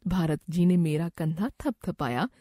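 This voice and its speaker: Slow, mellow woman storyteller. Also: on the low side, expressive, dry recording, clean studio sound. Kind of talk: scripted first-person story narration.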